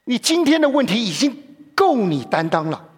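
A man's voice: very high voice, sing-song, normal speed, slightly rough. A man preaching a sermon in a conversational way, often repeating himself and putting questions to his listeners.

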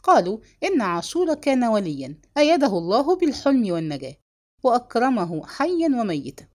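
A woman narrating a dramatic novel with measured, expressive storytelling. Her voice moves through a lively, varied range of pitch. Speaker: audiobook narrator.

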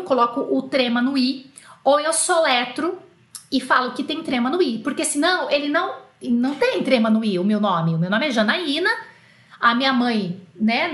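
During an online French lesson, a Brazilian woman, accented in Brazilian Portuguese, spells out letters slowly and explains with patience. Her voice sits high with a fairly bright tone, and there's an echoey room.

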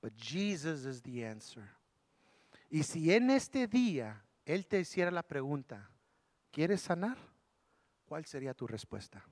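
A man's voice: on the high side, very animated, unhurried, darkish tone, no room sound. A man preaching a bilingual sermon, repeating lines for emphasis and asking the congregation rhetorical questions. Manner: switches between Spanish and English, repeats lines for emphasis.

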